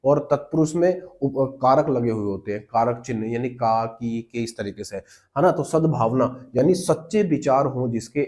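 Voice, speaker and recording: A man's voice: medium pitch, warm tone. A man teaching an exam-prep lesson, explaining step by step and answering his own questions, often calling the listeners brother.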